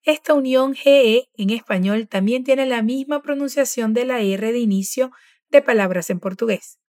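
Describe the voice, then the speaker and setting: Woman, encouraging pronunciation teacher, slow clear drills, dry close sound. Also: fairly high pitch, a little mellow, no echo. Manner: patient, encouraging, models words slowly. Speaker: language teacher.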